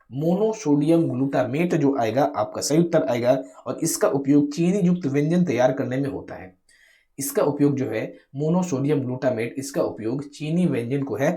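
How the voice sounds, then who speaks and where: A man's voice: medium pitch, a little mellow. Man repeating questions as he teaches. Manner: repetitive, keeps asking rhetorical questions then answering; addresses viewers directly in a coaching tone. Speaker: exam coaching teacher. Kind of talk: exam question walkthrough lesson.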